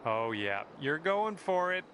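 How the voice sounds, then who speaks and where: A cheerful golf caddie. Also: male voice, on the high side, big pitch swings, measured pace, a bit bright, slight background noise, rough recording. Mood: encouraging. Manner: upbeat, encouraging, folksy. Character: cheerful encouraging adult male golf caddie. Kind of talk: game voice lines. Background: background music.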